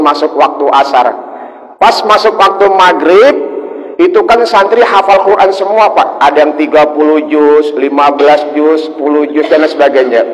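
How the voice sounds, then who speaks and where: Man preaching animatedly in a reverberant mosque. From Indonesia. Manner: animated storyteller, voices characters with loud high pitch. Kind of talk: sermon storytelling. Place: mosque hall.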